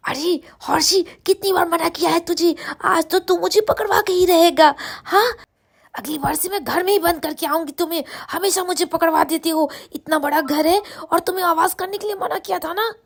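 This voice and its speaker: A woman voicing a sneaky young girl in a cartoon story who scolds her pet horse in a bossy, hushed way. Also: extremely high pitch, moderate pace, gravelly. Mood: scolding.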